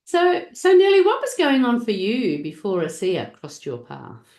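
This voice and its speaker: A woman's voice: a little high, huge pitch swings, measured pace, darkish tone, reverberant. A woman hosting an interview, gushing with enthusiasm and heaping praise on her guest. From Australia. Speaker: podcast host and natural health practitioner.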